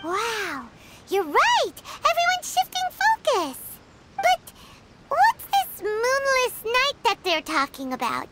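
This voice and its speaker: Squeaky, extremely high-pitched little fairy. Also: female voice, huge pitch swings, takes it slowly, loud music behind the voice, heavily acted. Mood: excited. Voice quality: squeaky, childlike. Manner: exclamatory, refers to self in third person. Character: tiny excitable childlike floating fairy companion, female.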